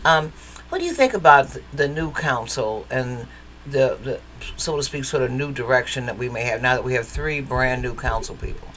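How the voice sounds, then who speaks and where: A woman's voice: very deep voice, lively intonation, moderate pace, a bit bright, a little hiss or hum, rough recording. A woman from Detroit hosting a casual interview, chatty and probing, pushing back on her guest. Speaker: talk show host.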